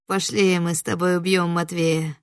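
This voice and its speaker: A woman voicing an evil wish-granting spirit disguised as a young man, gentle and creepy one moment, snarling the next. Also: on the low side, little pitch movement, moderate pace, clean tone, no echo, clean studio sound, lightly acted. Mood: eerily calm. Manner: soft and eerily gentle, then snarling. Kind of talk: audiobook character voice.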